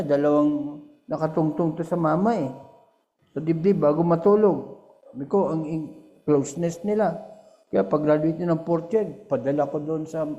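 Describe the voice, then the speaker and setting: A man's voice: fairly high pitch, warm tone, lo-fi sound. An older man with a Filipino accent, a missionary preacher giving a short earnest devotion, switching often between Tagalog and English.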